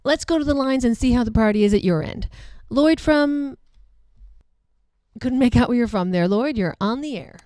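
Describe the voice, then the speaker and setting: An actress playing a radio call-in host, speaking in friendly on-air patter. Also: female voice, a little high, expressive, normal speed, a little mellow, smooth, no room sound, natural voice.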